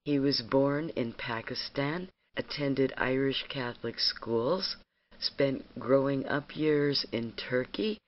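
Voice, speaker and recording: Guy hosting a radio show, formal and measured intro, kinda muffled lo-fi sound. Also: medium pitch. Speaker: radio host. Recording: slightly muffled radio audio.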